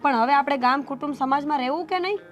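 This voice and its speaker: A woman's voice: high voice, quick pace, lo-fi sound, soft background music, lightly acted. A woman playing a reproachful elder sister who scolds her stubborn younger sibling. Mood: scolding. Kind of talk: family drama acting.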